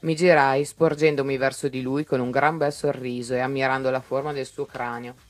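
A man narrating an audiobook in a lively way, giving each character's lines their own voice. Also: mid-range voice, moderate pace, no echo, soft background music.

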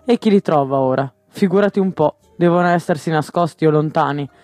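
A man's voice: on the high side, a little fast, a little mellow, no echo, natural voice. A man voicing a shrewd, brash male smuggler in a novel reading, blunt and slangy.

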